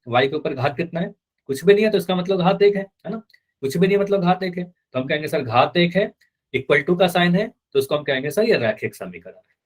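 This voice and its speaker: A man's voice: high-pitched, poor audio. A man teaching a live online math class, patiently repeating key points and speaking students' answers for them.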